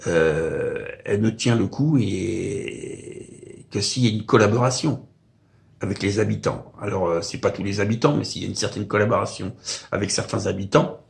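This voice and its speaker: Speaking at a normal pace in a lowish, creaky voice, an older Parisian video blogger rambles casually to camera from his countryside home. He hesitates constantly, dropping "euh" and "hein" fillers throughout.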